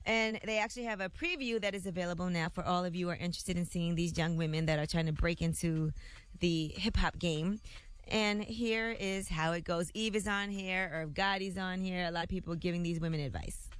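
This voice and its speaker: A woman's voice: on the low side, steady tone, clean tone, dry recording. Chatty woman radio gossip host. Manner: brisk, chatty storytelling that acts out quotes. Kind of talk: reading celebrity gossip on a morning radio show.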